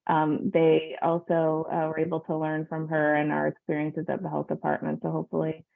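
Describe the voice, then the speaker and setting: A woman chairs a public board meeting from a video call and works through the agenda with plenty of ums. Her voice has a gravelly edge. The sound is tinny and phone-like. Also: low-pitched, completely flat delivery, brisk. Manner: procedural, many fillers.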